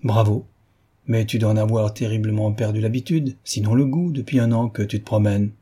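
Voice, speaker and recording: A man voicing a jovial, loud middle-aged sugar refiner with a big, hearty voice, in a novel reading. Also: steady tone, fairly quick, husky. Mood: bluff. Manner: booming, bluff.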